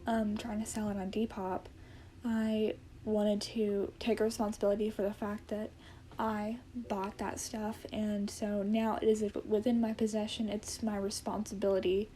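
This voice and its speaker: A woman's voice: medium pitch, flat delivery, a little slow, warm tone, a little hiss or hum. A woman in her twenties chatting casually to camera, hesitant and rambling, often correcting herself as she goes. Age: 20s. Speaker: vlogger. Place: indoor room at home with plants.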